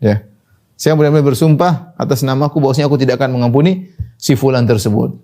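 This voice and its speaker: A man preaching a sermon in a lively, scolding way, mixing in Arabic quotations. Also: medium pitch, quick pace.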